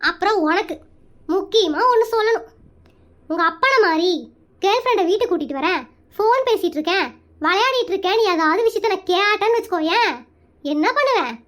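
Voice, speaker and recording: A woman's voice: very high voice, lively intonation, a little fast, long pauses, a bit bright, pitched below the performer's own voice. A woman voicing a strict, bossy village mother and wife in a cartoon comedy, scolding in a rural Tamil Nadu accent. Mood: stern.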